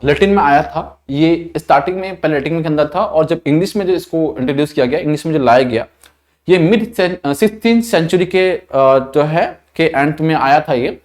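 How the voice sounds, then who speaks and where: A young Indian man teaches an online vocabulary class in a patient, explanatory way. He stretches words out slowly so students can copy his pronunciation, then checks in with them before moving on. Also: on the high side. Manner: frequent check-ins like "thik hai".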